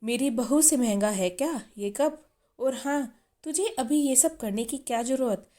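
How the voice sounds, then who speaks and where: A woman reading the lines of a kind, loving middle-aged mother-in-law in a storybook, with a soft, reassuring manner. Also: high-pitched, unhurried.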